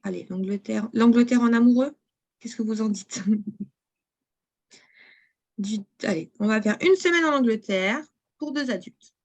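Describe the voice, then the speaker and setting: Chatty woman with a higher voice. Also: unhurried, pauses often, a little mellow. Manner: chatty, talks straight to viewers and reads chat messages aloud. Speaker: presenter of a travel booking platform. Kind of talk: live online product demo.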